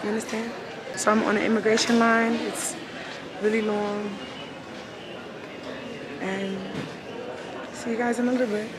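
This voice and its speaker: A woman's voice: a little high, flat delivery, measured pace, long pauses, a crowd in the background. A woman travel vlogger talking casually through a face mask, chatting straight to her viewers in an airport. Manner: chatty, addresses viewers directly. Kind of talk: casual vlog talk to camera. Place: airport terminal, indoors.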